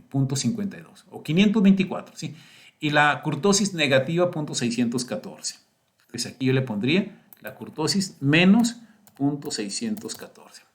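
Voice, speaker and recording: Patient teacher, man. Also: medium pitch. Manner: patient, explaining step by step and often checking "¿sí?" and "miren". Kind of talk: recorded screen-share statistics lesson.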